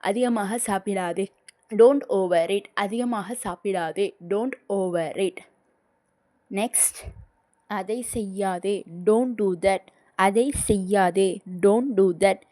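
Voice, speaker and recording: A young woman, teaching simple English phrases slowly and clearly, saying each one twice. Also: mid-range voice, mellow. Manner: slow, deliberate, repeats each phrase twice. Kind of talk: slow language lesson with repeated phrases.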